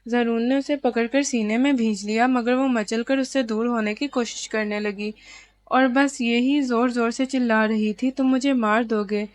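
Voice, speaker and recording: A woman narrating a novel aloud as an audiobook reader, in steady storytelling. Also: fairly high pitch, no echo.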